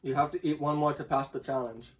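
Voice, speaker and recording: A man's voice: a little high, fairly even intonation, quick pace, distant mic. A man hosting a casual family challenge, talking while eating sour candy. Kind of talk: casual chat to camera and family. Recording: noisy home recording, off-mic.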